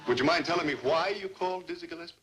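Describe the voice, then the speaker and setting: An actor playing an exasperated father straining for patience in an old TV sitcom, questioning deliberately. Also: a little high, natural voice. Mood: strained patience. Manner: deliberate, interrogating. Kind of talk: 1950s-60s TV sitcom acting. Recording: noisy old TV soundtrack.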